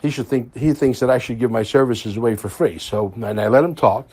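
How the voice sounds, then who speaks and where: A husky, slightly rough male voice delivering a casual podcast monologue. He talks emphatically, circling back to repeat key phrases for weight, pitched at an ordinary middle register. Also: a little fast, a little mellow. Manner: emphatic, repeats himself for stress. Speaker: podcast host.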